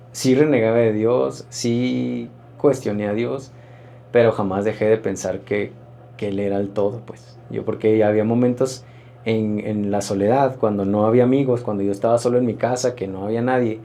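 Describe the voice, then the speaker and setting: A pastor, telling his personal testimony in an interview in an earnest, reflective, halting way. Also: on the low side, vocal fry, dark tone.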